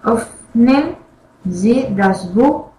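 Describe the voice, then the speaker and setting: A woman's voice: fairly high pitch, expressive, extremely slow, mellow, reverberant, low-quality recording. A woman whose first language is Spanish, practising German words and repeating them hesitantly. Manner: hesitant, careful repetition. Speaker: language student. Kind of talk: pronunciation practice.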